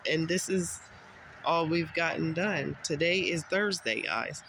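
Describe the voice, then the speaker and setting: A woman's voice: sits low, expressive, a little slow, gravelly, noisy background. A woman with a congested voice, talking casually to camera in a rambling, exasperated family vlog, outdoors. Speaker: family vlogger.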